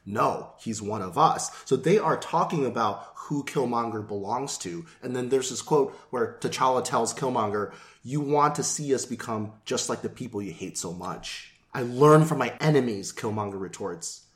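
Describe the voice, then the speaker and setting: A man's voice: mid-range voice, normal speed, hardly any pauses. A man in casual discussion who thinks aloud, asking probing questions with restarts. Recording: echoey room.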